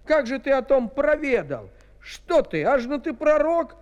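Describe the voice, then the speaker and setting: A man voicing Ivan, a simple young peasant lad in a fairy tale, protesting and pleading excitedly. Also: very high-pitched, a little slow, in a large hall, highs cut off, voice pushed up, exaggerated voice.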